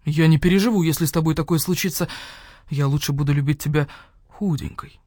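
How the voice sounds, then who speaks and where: A devoted little mini-pig husband, voiced by a woman, speaking in a lower, softer, hushed tone, earnest and a bit solemn. The reading is dry and close to the mic. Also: brisk, no room sound. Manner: tender, grave and hushed. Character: small fit male mini-pig, devoted worried husband.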